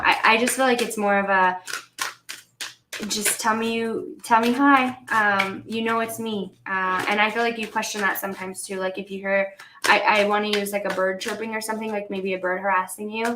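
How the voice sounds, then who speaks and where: A young woman giving a casual card reading as a medium, speaking gently and hesitantly, with many fillers and restarts. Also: medium pitch, level tone, normal speed, background noise. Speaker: psychic medium reading cards. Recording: roomy echo.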